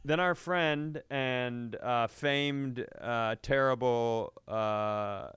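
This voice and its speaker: Co-hosting a comedy podcast, a man tells anecdotes in a loose, rambling style with some swearing, casual comedic storytelling throughout. His mid-range voice is extremely slow, a bit bright and clean, recorded at studio quality with no room sound.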